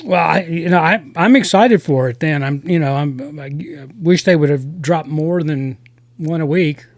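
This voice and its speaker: A man hosting a casual review podcast, talking in halting starts with many restarts. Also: on the high side, no room sound.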